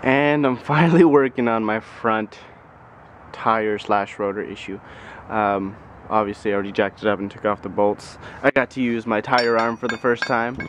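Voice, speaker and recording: A man's voice: on the low side, steady tone, normal speed, slight background noise. A man chatting casually in a daily vlog, rambling and amused at himself. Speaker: vlogger.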